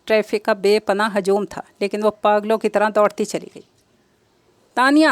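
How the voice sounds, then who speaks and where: A woman's voice: mid-range voice, completely flat delivery, no room sound. A woman reading an emotional novel aloud in scripted audiobook narration, with dramatic, emotive delivery.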